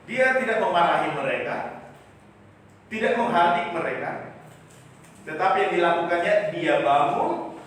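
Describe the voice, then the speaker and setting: A male pastor preaching a sermon, swinging from loud acted quotes to soft, quiet lines. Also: sits high, lively intonation, normal speed, long pauses, a little hiss or hum. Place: large church. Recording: echoey church hall, voice from far off.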